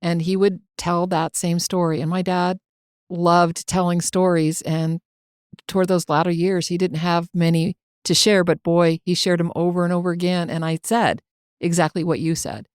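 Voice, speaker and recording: A woman's voice: lowish voice, steady tone, moderate pace, clean tone, dry recording, studio quality. A woman co-hosting a casual teaching podcast, prompting her partner and sharing her own stories. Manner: encouraging, prompts stories, laughs easily. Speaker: co-host. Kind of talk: conversational podcast discussion.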